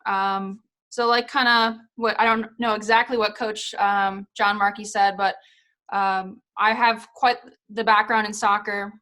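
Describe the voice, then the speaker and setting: On a video call, a former pro soccer player in her thirties speaks casually to a college team as a guest speaker, chatty and full of fillers and hedges. Her voice is medium-pitched and a little slow, with a flat delivery and a sharp tone.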